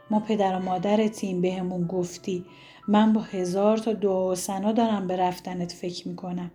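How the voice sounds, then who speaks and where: A woman's voice: on the high side, warm tone, lightly acted. A woman voicing a worried middle-aged mother in an audiobook who pleads and scolds her son.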